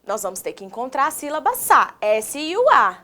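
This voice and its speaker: A woman with a Brazilian Portuguese accent teaching young children in a recorded video lesson, sounding words out slowly, syllable by syllable, and asking the viewers questions in an encouraging, sing-song teacher voice. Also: high voice, sing-song, sharp tone. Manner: slow, exaggerated syllable-by-syllable pronunciation with questions to the viewers.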